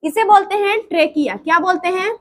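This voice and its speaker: High-voiced woman teacher, repetitive classroom quizzing. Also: a little fast. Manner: repeats terms and quizzes the class. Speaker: drawing teacher. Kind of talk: classroom drawing lesson.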